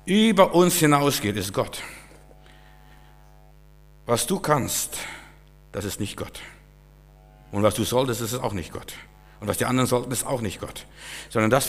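A man preaching a sermon with fervent, repetitive phrasing that climbs to loud, emphatic peaks. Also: lowish voice. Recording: long hall reverb.

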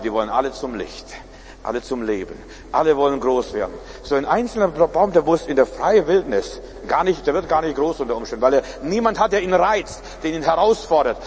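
A man preaching a sermon, talking straight to his listeners, often swinging between loud outbursts and hushed asides. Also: fairly high pitch, in a large hall, slight background noise. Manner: lively, shifts from loud to hushed; talks straight to listeners with repeated questions.

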